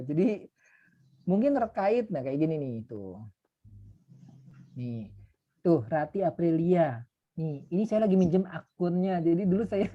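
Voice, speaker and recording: A man's voice: high-pitched, muffled recording. A man in his thirties, a youth mentor, giving a casual, chatty online talk full of fillers and asides. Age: 30s.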